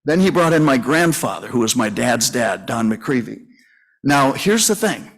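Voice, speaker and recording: A man's voice: mid-range voice, very animated, moderate pace. Rambling folksy man in his sixties. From Minnesota, US. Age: 60s. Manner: folksy, rambling storytelling with many fillers and restarts. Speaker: funeral home owner and conference speaker. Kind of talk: conference breakout talk. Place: conference session room.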